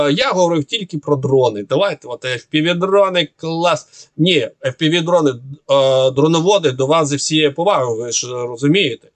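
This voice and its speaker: Sarcastic, hesitant man, rather high voice. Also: dry recording. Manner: sarcastic, argumentative, hesitant with frequent filler sounds. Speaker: military analyst answering viewer questions. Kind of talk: unscripted monologue.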